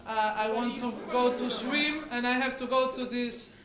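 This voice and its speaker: A woman's voice: a little high, normal speed. A woman leading a workshop in a large hall, playful and coaxing, laughing often. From Spain. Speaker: workshop leader. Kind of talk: lively workshop hosting. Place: large indoor hall with an audience. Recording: echoey hall with crowd chatter.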